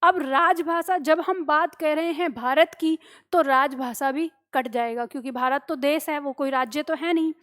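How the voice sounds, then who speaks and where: Lady teacher, high voice, explains each step, asks questions and answers them herself. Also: moderate pace, fairly bright tone. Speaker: Hindi teacher. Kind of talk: exam-prep lesson.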